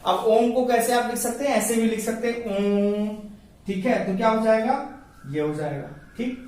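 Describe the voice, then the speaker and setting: A male teacher giving an exam-prep lecture, asking questions and answering them himself, stretching the vowel sounds slowly while writing on a board. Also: high-pitched, a little mellow. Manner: addresses listeners as friends. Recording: very echoey room, voice from some distance to the mic.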